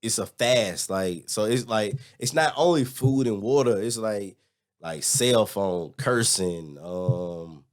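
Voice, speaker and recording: A man's voice: on the low side, takes it slowly. Casual man telling stories, lots of "like". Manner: animated storytelling, lots of "like" and restarts. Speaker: guest, former teacher abroad. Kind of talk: casual chat.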